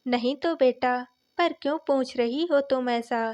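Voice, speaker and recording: A woman's voice: high voice, unhurried, a little mellow, lo-fi sound. A woman voicing a kindly, affectionate older father-in-law in a story reading, speaking in a soothing, fatherly way.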